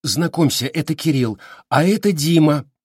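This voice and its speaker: A man voicing an angry, defiant woman who talks sharply and shouts. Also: fairly high pitch, animated, normal speed, breathy edge, no echo, studio quality, pitched above the performer's own voice. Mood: flustered.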